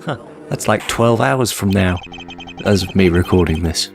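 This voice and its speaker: A man's voice: sits low, normal speed, vocal fry, faint music behind. A man giving casual playthrough commentary as a gaming host, in a wry, self-deprecating way.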